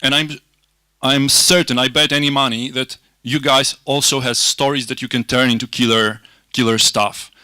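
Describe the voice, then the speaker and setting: Male conference speaker, 30s. Forceful bright tone, halting delivery with restarts, informal motivational lightning talk, close dry handheld mic. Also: medium pitch, fairly even intonation, smooth, no room sound. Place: auditorium stage in front of a screen. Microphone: handheld microphone held close to the mouth.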